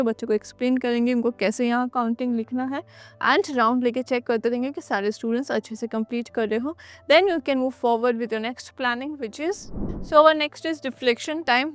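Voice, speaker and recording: A woman trainer talks teachers through a kindergarten lesson plan. She explains each step in turn and slips English phrases into her Hindi. Her voice sits a little high. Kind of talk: instructional lesson plan walkthrough.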